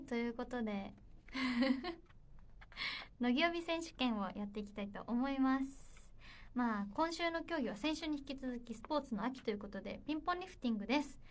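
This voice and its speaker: A young woman hosting a casual livestream, chatty and a little nervous, giggling as she reads viewer comments. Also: fairly high pitch. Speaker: idol livestream host.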